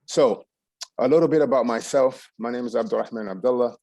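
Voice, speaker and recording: A middle-aged man from San Antonio, Texas, speaks in a mid-range, dark-toned voice at a slightly quick pace. He rambles loosely through a presentation to an audience, full of ums and restarts. The recording is dry.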